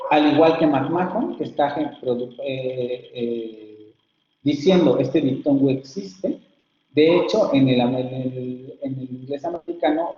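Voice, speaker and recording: A man from Mexico giving an online university lecture on phonetics, explaining patiently with many fillers and restarts. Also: medium pitch. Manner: explanatory, frequent fillers and self-corrections. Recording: echoey, dull lo-fi online class audio.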